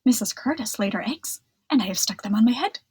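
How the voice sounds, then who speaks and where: Woman as a proud, breathy father fish. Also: a little high, animated, a little fast, a little mellow, dry recording. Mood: pleased. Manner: pleased, proud. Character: proud, contented father fish minding his eggs.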